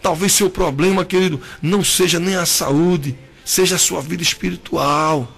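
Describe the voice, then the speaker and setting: High-pitched gravelly pleading preacher man. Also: fairly even intonation, normal speed, a bit bright. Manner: emotional, pleading preaching with tender address. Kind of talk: sermon.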